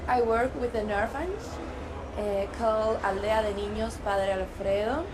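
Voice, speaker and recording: A woman's voice: mid-range voice, moderate pace. A nineteen-year-old woman from Uruguay, giving an earnest, rehearsed pageant self-introduction. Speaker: pageant contestant. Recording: noticeable background noise.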